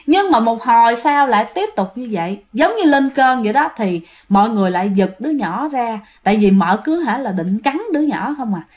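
Woman narrator, slightly high voice, casual filler-heavy ghost-story telling aimed at listeners. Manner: chatty, addresses listeners, many fillers.

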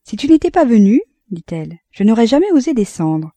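A woman reading an audiobook voices an anxious middle-aged mother with a soft, placating manner. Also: a little high, very animated, fairly quick, no echo, pitched above the performer's own voice.

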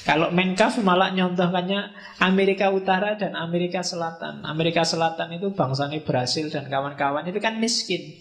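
A man's voice: high voice, fairly even intonation, fairly quick, a bit bright. A man giving a casual philosophy lecture to an audience, speaking conversationally with jokey asides. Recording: echoey hall.

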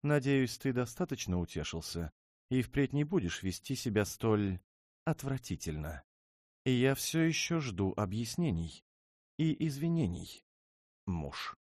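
A man voicing a proud, hot-tempered young dragon princess in an audiobook, with loud, shrill outbursts. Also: very animated, measured pace, no room sound, studio quality. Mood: haughty. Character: haughty, furious young dragon princess, female.

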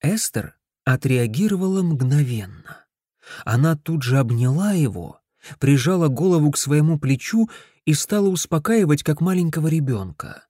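A man reading a story aloud, calm and measured scripted narration. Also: on the high side, no room sound, studio quality. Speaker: audiobook narrator.

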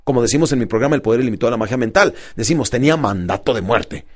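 A man's voice: medium pitch, rapid-fire. A man giving a motivational self-help audio talk. He acts out both sides of conversations and calls his listeners champions. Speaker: motivational speaker.

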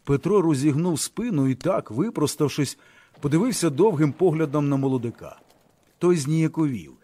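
A man narrating a literary audiobook in a measured, expressive way. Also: a little high.

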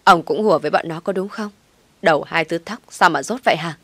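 A woman voicing a shrill, scolding older mother-in-law who screams insults in an audiobook story. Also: fairly quick, a bit bright, slightly rough, no echo. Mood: furious shrieking.

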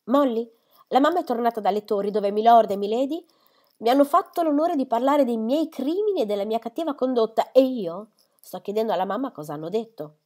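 A woman's voice: on the high side, lively intonation, darkish tone, pitched above the performer's own voice, close to an everyday voice. A woman reading a novel aloud, voicing a proud, defiant young woman who answers her mother back. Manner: defiant, quick to justify herself.

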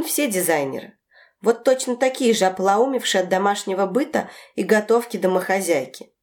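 A woman voicing an irritable, overworked adult woman who argues with her mother in a sharp, raised voice. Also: mid-range voice, close to an everyday voice.

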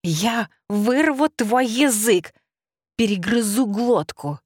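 A woman voicing a small, hysterical, foul-mouthed male rabbit with shrill, snarling yells. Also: expressive, slow, husky, dry recording, studio quality, heavily acted. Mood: furious.

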